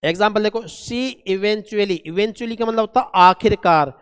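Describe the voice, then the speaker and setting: A man's voice: sits high, fairly quick, a bit bright, smooth. Man teaching vocabulary in a reverberant room. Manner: asks and answers his own questions, calls students "beta"; spells words out letter by letter. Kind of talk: classroom vocabulary lesson.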